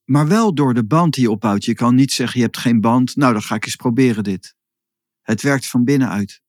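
A man co-hosting a podcast, explaining spiritual ideas in an unhurried, reflective way. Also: medium pitch, no room sound, clean studio sound. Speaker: podcast host. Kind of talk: casual podcast conversation.

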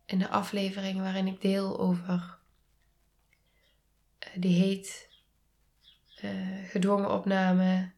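Dutch woman talking slow and calm on her podcast, soft voice that keeps sinking to a whisper, middle pitch. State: sneezing. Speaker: podcast host and coach. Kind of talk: reflective solo podcast talk.

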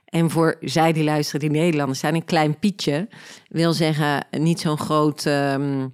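A woman with a Flemish accent, hosting a podcast and telling a personal story in an animated, sarcastic way. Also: low voice, unhurried, smooth. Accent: Flemish Belgian. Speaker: podcast host. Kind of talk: casual storytelling.

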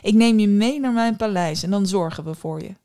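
A woman's voice: medium pitch, fairly quick, dark tone, clear, resonant tone, lightly acted. Storybook figure: cheerful, self-absorbed young prince, read by a woman, eager and doting.

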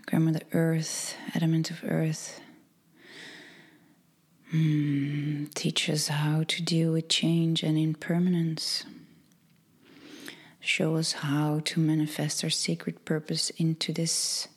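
Slow, whispery low-voiced woman. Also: completely flat delivery. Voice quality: soft breathy whisper. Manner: slow and meditative, with long pauses. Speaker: ceremony leader. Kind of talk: whispered ritual invocation.

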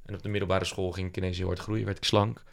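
Low gravelly-voiced man, halting. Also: flat delivery. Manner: hesitant, many fillers and restarts. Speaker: entrepreneur guest. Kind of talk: casual interview talk.

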